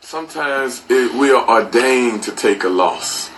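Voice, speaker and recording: A man's voice: mid-range voice, measured pace, fairly bright tone, slight background noise. Easygoing bishop, a man. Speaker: bishop, guest. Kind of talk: casual chat.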